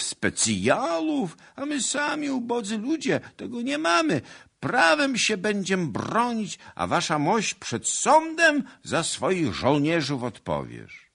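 Man doing a shrill, aggrieved townsman. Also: gravelly, a bit bright, exaggerated voice. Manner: shrill, complaining.

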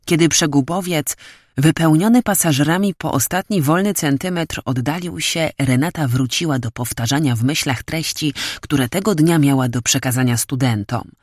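Female audiobook reader, even measured narration, dry studio sound. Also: sits low, dry recording. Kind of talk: scripted narration.

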